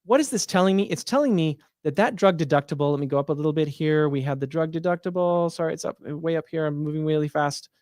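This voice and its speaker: A man's voice: fairly high pitch, fast, few pauses, darkish tone, no room sound, clean studio sound. A man hosting a livestream, casually walking viewers through insurance plans while thinking aloud with fillers and restarts. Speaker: Medicare plan advisor hosting a livestream.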